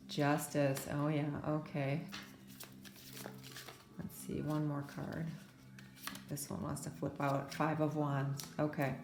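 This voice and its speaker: In an echoey room, a woman with a deep, creaky voice leads a soothing pick-a-card tarot reading. Allergies leave her a bit scratchy, and she sprinkles her gentle spiritual talk with "right?"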